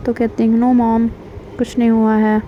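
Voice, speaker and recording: A woman telling a love story in a relaxed, chatty manner, reading the characters' lines in her own voice rather than acting them out. Her voice sits a little high, and the recording is dull and lo-fi with a faint hiss underneath. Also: normal speed. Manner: retells dialogue in plain narration voice, with fillers. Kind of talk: casual spoken storytelling.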